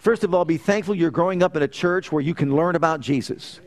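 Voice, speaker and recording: A man's voice: a little high, fast talker. A middle-aged man preaching a sermon, emphatic, repeating phrases in threes and telling personal stories. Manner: tells personal stories with quoted dialogue.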